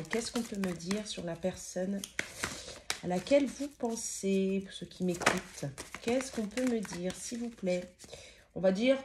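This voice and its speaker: A middle-aged woman reads tarot from her home, chatting and exclaiming as she draws cards. She peppers her talk with little interjections, sometimes rushing and stumbling over her words. Her voice sits at an ordinary pitch, a touch sniffly, with faint background noise. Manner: speaks fast and stammers at times while channeling. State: sniffly, runny nose. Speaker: tarot card reader. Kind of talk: spiritual tarot reading. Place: home with dogs nearby.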